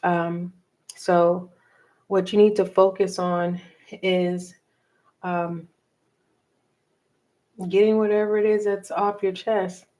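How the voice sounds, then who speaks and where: A middle-aged woman giving a tarot reading for viewers, talking softly and slowly and pausing as she reads the cards aloud. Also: fairly low pitch, level tone. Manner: slow, soft and meditative, reading cards aloud with pauses. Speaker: tarot reader.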